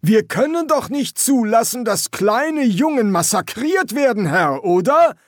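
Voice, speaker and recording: Man doing a sly, booming old sergeant. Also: sing-song, measured pace, no echo, studio quality, heavily acted. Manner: cool, cunning, commanding.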